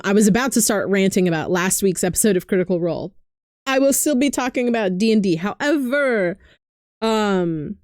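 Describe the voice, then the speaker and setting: A woman's voice: medium pitch, darkish tone, clean tone, no room sound, studio quality. A woman vlogger rambling casually about her hobbies, often correcting herself and laughing. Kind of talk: casual chatty monologue.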